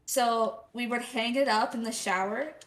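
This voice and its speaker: A woman's voice: a little high, moderate pace, fairly bright tone, distant mic. A woman co-hosting a casual podcast, blunt and swearing casually. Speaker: podcast co-host. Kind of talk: casual chat.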